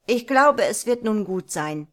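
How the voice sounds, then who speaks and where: A woman voicing a cunning young peasant lad in a read-aloud folk tale, talking smoothly and slyly. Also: medium pitch, lively intonation, a little slow, a bit bright.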